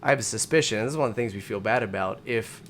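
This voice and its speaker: A man co-hosting a flight simulator review in casual chat, talking quickly and often trailing off mid-sentence. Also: fairly low pitch, a bit bright, slight background noise. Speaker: flight sim video co-host.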